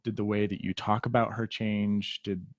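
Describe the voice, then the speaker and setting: A man's voice: lowish voice, level tone, normal speed, no echo, studio quality. A man hosting a podcast, asking curious, probing questions and rephrasing them as he goes. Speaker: podcast host. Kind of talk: interview questions.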